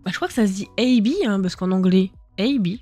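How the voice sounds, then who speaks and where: A woman's voice: mid-range voice, fast, warm tone, no room sound, faint music behind. A tired young woman from France chatting casually about her retro game collection, laughing at herself and swearing now and then. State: tired after work. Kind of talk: casual vlog chat. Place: game room at home, indoors.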